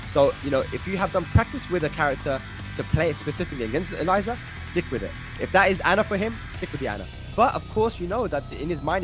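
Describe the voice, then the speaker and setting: A man commentating live on a fighting game tournament as an esports caster, with hype delivery and drawn-out exclamations. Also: medium pitch. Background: music.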